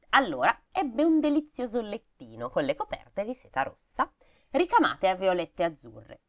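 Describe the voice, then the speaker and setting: A woman's voice: deep voice, bright, forceful tone, dull audio. A woman reading a fairy tale aloud, breaking off with sarcastic, swearing comments. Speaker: storybook reader.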